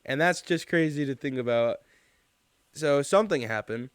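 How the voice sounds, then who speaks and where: A man's voice: on the high side, moderate pace, clear, resonant tone, dry recording, clean studio sound. A man hosting a casual podcast, rambling and teasing his co-hosts. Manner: rambling, many "like"s and restarts, teasing. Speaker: podcast host.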